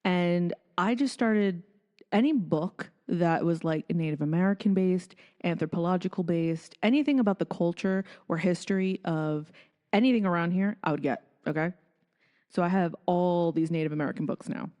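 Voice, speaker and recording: A woman's voice: fairly low pitch, normal speed, warm tone, in a large hall. A woman hosting a casual solo podcast, chatting and thinking aloud as she reads passages from a book. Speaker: podcast host.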